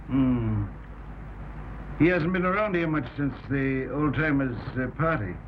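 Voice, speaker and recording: An actor playing an older father in an early talkie film, speaking in a halting, deliberate, reverent way on an old soundtrack. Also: mid-range voice, natural voice. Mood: musing. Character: slow-spoken, reverent old father of a grown daughter. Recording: muffled, noisy 1930 film soundtrack.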